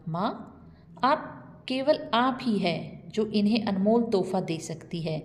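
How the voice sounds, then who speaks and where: A woman's voice: medium pitch, animated, slow, a little hiss or hum. A woman voicing a scheming grown son who coaxes his mother, in a storybook reading with long reverb. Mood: coaxing. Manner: coaxing. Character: scheming grown elder son, smooth-talking.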